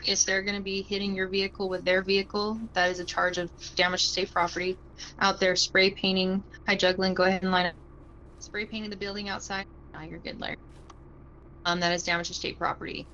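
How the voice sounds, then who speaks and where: A woman's voice: medium pitch, level tone, a little fast, pushed and bright, slight background noise. Chatty woman streamer, lo-fi sound. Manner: chatty, talks to chat mid-explanation, laughs easily. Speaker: streamer explaining roleplay police rules. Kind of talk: casual livestream instruction.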